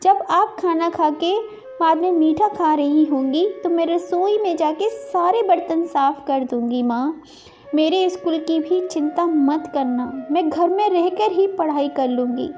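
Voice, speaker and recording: A woman's voice: extremely high pitch, measured pace, a little mellow. A woman voicing a pleading unborn baby girl. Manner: pleading, tender.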